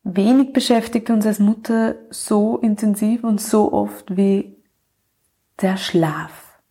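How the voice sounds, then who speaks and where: A woman hosting a podcast with calm, measured scripted narration, addressing the listener directly. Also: mid-range voice, husky. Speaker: podcast host, coach for mothers.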